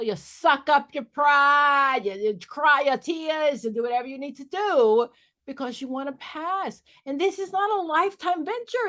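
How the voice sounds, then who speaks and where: A woman's voice: high voice, a bit bright. Joking, sassy woman exam coach. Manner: candid, joking, sassy asides. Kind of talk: live online study group.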